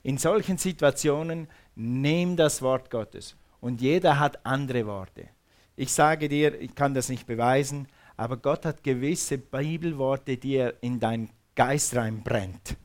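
A man's voice: medium pitch, a little slow. A man preaching a sermon, fervent and repetitive, calling on the congregation to repeat words after him. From Switzerland.

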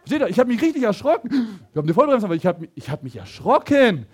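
Male preacher, storytelling sermon, lively swooping delivery, fairly high voice, stumbles and restarts. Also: quick pace, husky. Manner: animated, stammering restarts, addresses the audience directly.

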